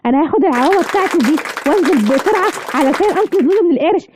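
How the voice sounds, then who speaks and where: A woman's voice: very high voice, expressive, very fast, crowd noise, noisy background. A woman with an Egyptian accent voicing a brave, boastful little boy in a children's cartoon story, eager and bragging. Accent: Egyptian Arabic. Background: music.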